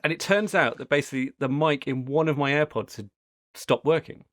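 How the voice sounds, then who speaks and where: This middle-aged British man hosts a tech podcast, chatting casually and rambling through anecdotes. His voice is a little high and a bit bright, and he talks fairly quickly. The recording is dry, with a clean studio sound.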